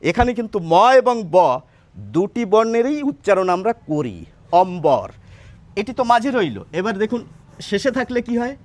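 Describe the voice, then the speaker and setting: A man's voice: high voice, sing-song, moderate pace. A man teaching a pronunciation lesson, patiently explaining and asking his listeners questions, then answering them himself.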